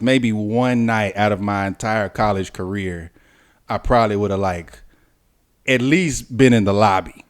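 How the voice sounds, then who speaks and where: Laid-back joking young man, podcast co-host. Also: mid-range voice. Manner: laid-back, joking, animated when telling stories. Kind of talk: casual chat.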